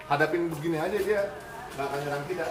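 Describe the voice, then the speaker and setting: A man explains dog training to owners in a firm, casual way, slipping in English commands. His voice sits high. He is heard from a distance in a roomy space, with music underneath. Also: fast talker. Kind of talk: casual instructive coaching.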